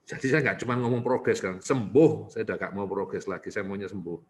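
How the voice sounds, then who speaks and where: A man's voice: on the low side, fast. A man, a doctor, answering parents' questions in an online consultation, chatty and teasing, often tagging his sentences with a questioning "ya". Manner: lively, talkative, frequently adding "ya" tags. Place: clinic.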